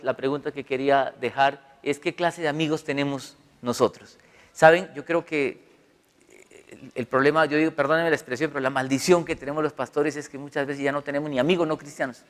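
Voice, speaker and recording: A middle-aged man, a pastor, giving a sermon in a conversational, storytelling way. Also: a little high. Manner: conversational, animated storytelling with acted quotes. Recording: long hall reverb.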